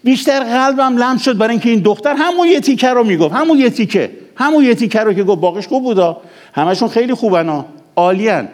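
A middle-aged male pastor preaching a sermon, swinging from raised exhortation to hushed, intimate passages. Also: very high voice, expressive.

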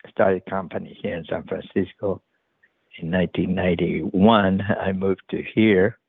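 A middle-aged man from Chile, a native Spanish speaker with a Chilean accent, answering interview questions as an open water swim coach in a halting way, with many fillers and restarts. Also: low-pitched, fairly even intonation, breathy edge, dry recording. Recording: dry phone-like line.

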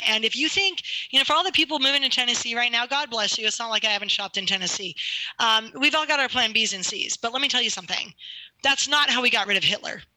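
A woman speaking as a guest attorney in an interview, talking in an emphatic, fervent, rapid-fire way. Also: on the high side, sharp tone, no room sound, poor audio. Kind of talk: impassioned interview talk.

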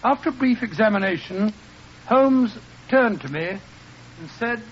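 An actor playing a bluff, loyal English doctor with a British accent, blustery and earnest in a 1940s radio drama. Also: male voice, high voice, expressive, a little slow. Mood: earnest recounting. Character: loyal, bluff English doctor, easily affronted detective's companion. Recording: muffled, hissy vintage radio recording.

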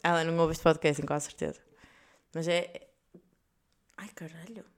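A woman's voice: sits low, moderate pace. Foul-mouthed young woman, European Portuguese accent. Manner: crude, joking, animated storytelling with sudden loud outbursts. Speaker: podcast host. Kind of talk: casual monologue.

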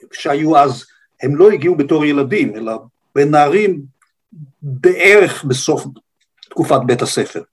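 Older Israeli man, husky and deliberate. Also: mid-range voice. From Israel, grew up on a kibbutz. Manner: hesitant, deliberate, halting phrasing. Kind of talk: unscripted historical account in conversation.

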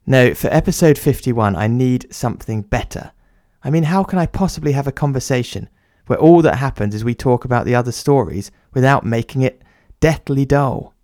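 A man's voice: mid-range voice, animated, normal speed, a little mellow, no room sound, studio quality. A man telling a comic audio story, talking in a pompous, flustered and hesitant way as the writer. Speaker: podcast writer and narrator.

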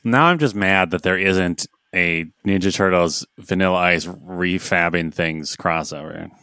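Deep-voiced laid-back joking man. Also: measured pace, bright, forceful tone, smooth. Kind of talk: casual chat. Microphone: recording on his own computer.

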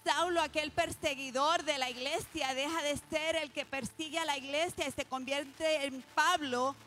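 A woman preaching a sermon, speaking earnestly and directly to the listener and reading scripture aloud with slow emphasis. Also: high voice, steady tone, bright, forceful tone, a little hiss or hum, rough recording.

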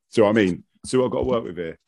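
A man's voice: fairly low pitch, fairly quick, vocal fry, a little mellow. A man from England hosting a casual football podcast, bantering and teasing his co-hosts. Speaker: podcast host. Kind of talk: casual chat.

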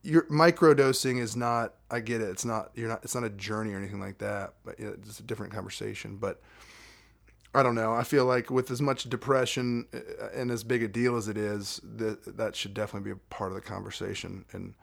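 Gravelly low-voiced man chatting. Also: steady tone, fairly quick. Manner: chatty and digressive, frequent fillers. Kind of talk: casual podcast conversation.

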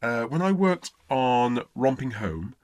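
A man's voice: medium pitch, expressive, slow pace, darkish tone, dry recording. A man from Essex, an accent coach in a comedy sketch interview, talking in a pompous, self-important way. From Essex, England.

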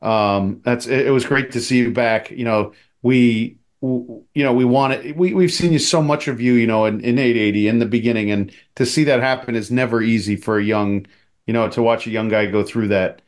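A man's voice: mid-range voice, steady tone. Male co-host, medium voice, hesitant questioner, lots of ums. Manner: halting questions with many fillers. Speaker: podcast co-host. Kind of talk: casual interview.

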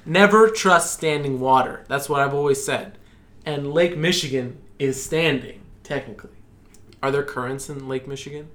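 A young man hosts a podcast in loose, casual chat, teasing his guest with playful questions. His voice sits at an ordinary middle pitch. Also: normal speed, a bit bright. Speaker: podcast co-host.

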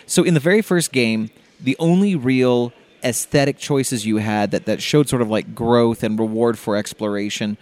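A man on a casual podcast panel who talks through his points carefully and analytically. His voice sits at a middle pitch, and he restarts his phrases as he thinks. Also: normal speed, hardly any pauses, a little mellow. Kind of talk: casual review chat.

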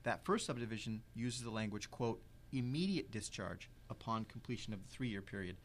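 A man explaining legal rules in an interview, measured and precise, stressing key words. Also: lowish voice, a little hiss or hum. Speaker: legal expert guest.

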